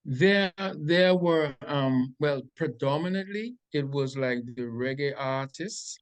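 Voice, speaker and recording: A man's voice: a little high, slow pace, clear, resonant tone. A Bahamian man with a Bahamian accent, a reggae artist answering interview questions in a laid-back, hesitant way. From Grand Bahama, Bahamas. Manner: laid-back, hesitant with many ums and restarts.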